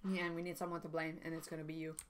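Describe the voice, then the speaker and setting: A lower-voiced woman talks casually through a board game on a live stream, thinking aloud with plenty of fillers and little laughs. She sounds relaxed and a bit scattered as she checks the rules. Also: rapid-fire, a little hiss or hum. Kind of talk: casual chat while learning a board game.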